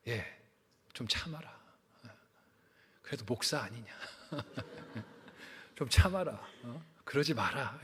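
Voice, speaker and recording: A man preaching as a pastor poses questions to the congregation and then answers them himself. His voice is fairly high and a bit bright, echoing through a reverberant church hall.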